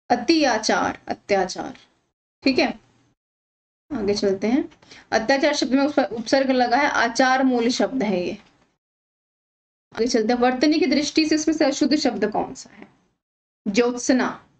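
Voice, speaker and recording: A woman teaching an exam-prep grammar lesson, patiently asking questions and answering them herself. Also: fairly high pitch.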